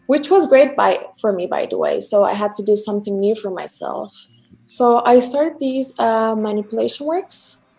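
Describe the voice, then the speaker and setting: Calling in remotely from her home in Istanbul, a Turkish guest illustrator and digital artist talks casually about her art on a live stream. Her Turkish-accented voice is medium in pitch and warm in tone.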